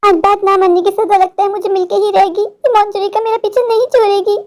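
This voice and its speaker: A woman's voice: very high voice, little pitch movement, fairly quick, darkish tone. A woman voicing a frightened, tired male office worker in a cartoon, anxious and pleading, short-tempered with his wife.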